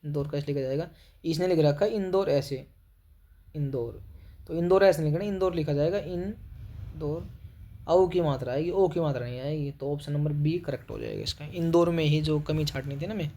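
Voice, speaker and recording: A young man teaching a Hindi spelling lesson for exam students, spelling each word syllable by syllable and repeating a quick "okay" after every answer. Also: fairly high pitch, mellow. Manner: spells words syllable by syllable, repeats "ठीक है", calls students "भाई".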